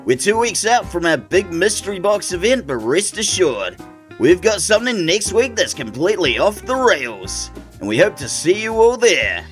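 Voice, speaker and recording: A man's voice: high voice, sing-song, moderate pace. A man calling wrestling play-by-play as the show's commentator and host, sardonic and opinionated, with mock-grumpy asides. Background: music.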